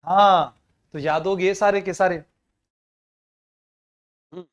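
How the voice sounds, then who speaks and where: Male tutor, high and smooth voice, playful mnemonic drilling for exam prep. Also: fairly even intonation, slow pace, muffled recording. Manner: playful, drills terms by repetition. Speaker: teacher.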